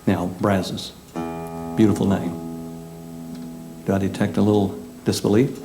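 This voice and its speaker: A man's voice: on the low side, level tone, measured pace, vocal fry. A man from West Texas with a West Texas twang, telling casual stories between songs in a folksy, dryly humorous way. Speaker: singer-songwriter. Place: live performance space. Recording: roomy live concert recording with music.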